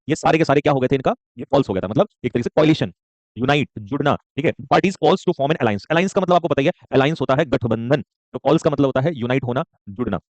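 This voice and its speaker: A man teaching a live online vocabulary class, joking and rapid, often checking in with students and calling them son. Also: mid-range voice, dry recording. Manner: joking, rapid, keeps asking "okay?"; addresses students warmly as son.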